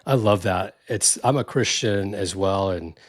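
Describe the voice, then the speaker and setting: A Silicon Valley podcast host speaks in a low voice at a slightly slow pace, captured with studio quality and no room sound. He runs a startup interview show, delivering a cheerful opening and posing friendly questions.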